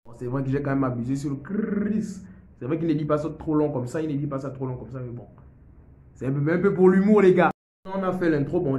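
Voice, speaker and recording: A man's voice: medium pitch, darkish tone. A young man chatting casually and jokingly to viewers as a music video host. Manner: chatty, joking, addresses viewers as "les gars". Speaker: music youtuber. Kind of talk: casual vlog chat. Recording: roomy echo.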